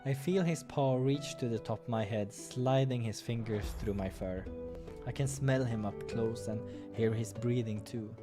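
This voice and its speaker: A man's voice: mid-range voice, measured pace, over music. A man hosting a game playthrough, reading story narration expressively with casual asides. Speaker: gaming playthrough host and reader.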